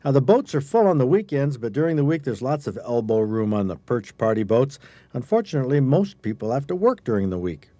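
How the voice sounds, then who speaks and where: Man, American accent, mellow tone, medium pitch, folksy conversational delivery, scripted feature narration, reporter and host. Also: big pitch swings, brisk, no echo.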